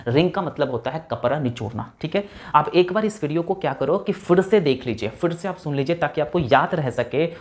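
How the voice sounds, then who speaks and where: A man's voice: on the high side, animated, fairly quick. A male teacher giving a vocabulary lesson for exam preparation, spelling each word out letter by letter, repeating it, and checking in with the viewer again and again. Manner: drills with repeated check-ins like "right?" and "okay".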